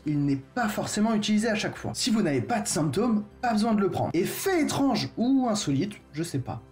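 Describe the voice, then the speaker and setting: A man's voice: high-pitched, a little mellow. A man hosting an educational video in a casual, joking style, using slang and talking straight to his viewers. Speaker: educational YouTuber. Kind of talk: casual explainer narration.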